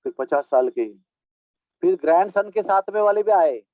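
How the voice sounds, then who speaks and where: A man giving a devotional storytelling discourse as a spiritual teacher, animated and playful, mixing in English phrases. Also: high-pitched, moderate pace, no room sound. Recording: tinny phone-like dry sound.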